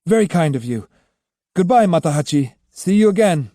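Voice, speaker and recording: A man's voice: on the high side, expressive, moderate pace, dark tone, no echo, clean studio sound, pitched above the performer's own voice, close to an everyday voice. A man voicing a hearty, courteous wandering monk in an audiobook. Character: wandering monk-warrior, friendly and direct. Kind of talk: audiobook character voice.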